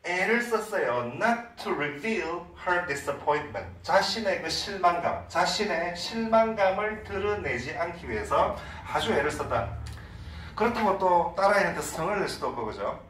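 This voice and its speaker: High, lively Korean English teacher. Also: male voice, echoey room, far from the mic, a little hiss or hum, low-quality recording. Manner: explains in Korean, reads English lines slowly. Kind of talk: online lecture.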